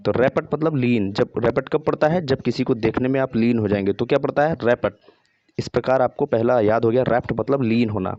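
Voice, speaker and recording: A man's voice: mid-range voice, brisk, a little mellow, dry recording. Guy teaching vocab tricks, keeps repeating and spelling words out, dry dull recording. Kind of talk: vocabulary lesson with memory tricks.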